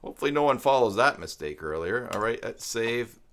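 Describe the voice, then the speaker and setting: A man hosts a casual live screen-share tutorial, thinking aloud and rambling while he demonstrates and chats with viewers. His medium-pitched voice is very animated, fairly quick, and fairly bright.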